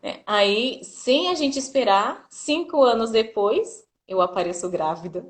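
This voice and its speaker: A woman's voice: fairly high pitch, measured pace. A woman, a doula, telling a personal story as an interview guest and acting out the dialogue she quotes. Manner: lively narration that often acts out quoted dialogue, frequent "né".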